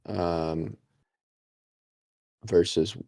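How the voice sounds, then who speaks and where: A deep, gravelly man leads a tabletop game as its dungeon master. He talks slowly and loosely, with plenty of ums and pauses between his lines of narration. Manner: relaxed, halting narration with many fillers.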